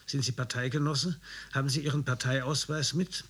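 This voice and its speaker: A man voicing a jovial but menacing male border officer in an audiobook reading, husky and quick to turn sharp. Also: mid-range voice, steady tone. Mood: chummy. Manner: swings from chummy to sharp. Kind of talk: audiobook character voice.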